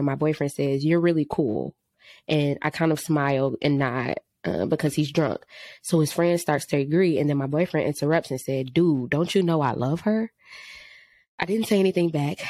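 A woman's voice: deep voice, a little mellow, no room sound. A woman co-hosting a casual podcast, reading a listener's letter aloud and then giving firm advice. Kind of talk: casual chat.

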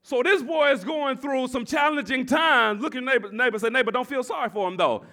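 A pastor in his forties preaching a sermon, swinging from shouted exhortation to quiet, confiding talk, and repeating his phrases. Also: very high-pitched, a little fast. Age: 40s. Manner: repeats phrases and tells the congregation to address their neighbor.

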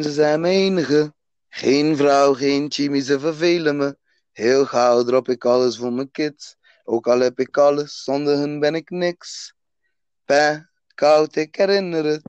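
A man's voice: on the high side, darkish tone, no room sound. A man rapping his own heartfelt verses with an intense, rising delivery, then chatting casually. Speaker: guest performer.

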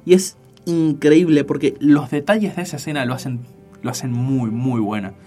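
Hombre rioplatense comentando películas. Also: male voice, mid-range voice, fairly even intonation, moderate pace, dark tone, faint music behind. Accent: Rioplatense Spanish. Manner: enthusiastic, with frequent fillers. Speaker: show host. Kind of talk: casual film commentary.

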